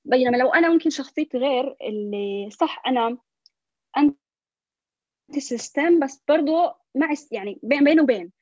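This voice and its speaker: A woman's voice: high-pitched, animated, brisk, a little mellow, no room sound, lo-fi sound. A young woman with a Levantine Arabic accent talking as a podcast guest, mixing in English words and often restarting her phrases. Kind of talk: conversational interview with English loanwords.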